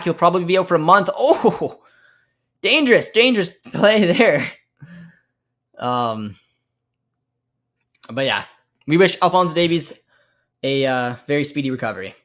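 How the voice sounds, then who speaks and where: Hosting a live football watchalong, a young American man with a slightly high, somewhat bright voice chats casually with viewers. He reads their chat and reacts to the play, reasoning aloud with lots of filler words.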